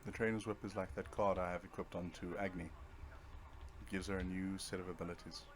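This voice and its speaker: Over footage of his own gameplay, a man with a deep voice offers casual, offhand remarks, half talking to himself. He's a let's play host whose delivery is flat and his speed normal.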